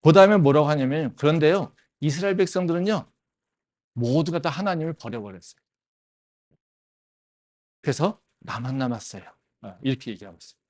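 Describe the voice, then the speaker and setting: A man's voice: on the high side, fairly quick, pauses often. A man preaching a sermon as pastor of a campus church, talking animatedly and asking the congregation rhetorical questions. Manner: animated, with rhetorical questions and frequent affirming interjections.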